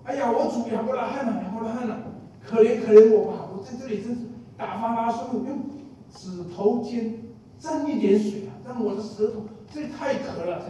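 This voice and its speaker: A man's voice: very high voice, brisk, warm tone, slight background noise. Man playing a tormented pleading rich man. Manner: wailing, pleading. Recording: echoey room from a distant mic.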